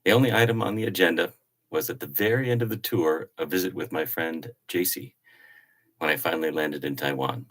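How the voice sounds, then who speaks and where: A man's voice: low voice, a little fast, fairly bright tone. A middle-aged man reading aloud from his old travel journal in a chatty, casual way, with fillers and self-corrections.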